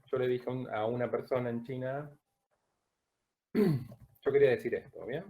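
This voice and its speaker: A man from Latin America teaching a Chinese pronunciation class, who drills sounds slowly and checks in with "¿bien?" after each point. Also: mid-range voice, steady tone, lo-fi sound. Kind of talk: online class lecture.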